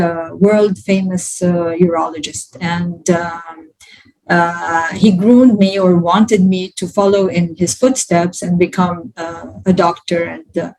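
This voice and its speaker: A middle-aged woman from Canada, a guest speaking as a professor in a conversational panel talk, pausing often with fillers. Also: on the low side, a little mellow, poor audio. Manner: halting, with frequent fillers. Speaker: guest, pediatric ophthalmology professor.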